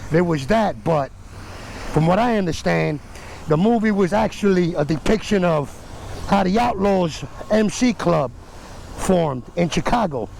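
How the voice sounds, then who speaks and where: A man's voice: high-pitched, expressive, unhurried, creaky, a little mellow, slight background noise, rough recording. A man giving casual, easygoing motovlog commentary, speaking from inside a helmet. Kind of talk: casual vlog commentary while out riding. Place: outdoors on city streets, motorcycle.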